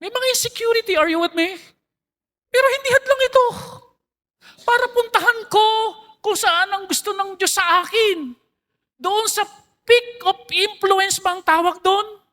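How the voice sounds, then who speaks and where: A Filipino man delivers a sermon to his congregation in a high, bright voice. He moves between Tagalog and English, often asking the listeners whether they follow. His pitch jumps sharply whenever he stresses a point. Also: normal speed. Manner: mixes Tagalog and English, asks the congregation questions; animated, jumps in pitch for emphasis. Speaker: pastor.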